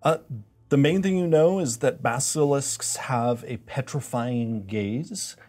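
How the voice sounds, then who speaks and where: A man's voice: mid-range voice, slow pace, a little mellow, faint music behind. Man explaining as game master. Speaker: dungeon master. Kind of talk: tabletop game narration.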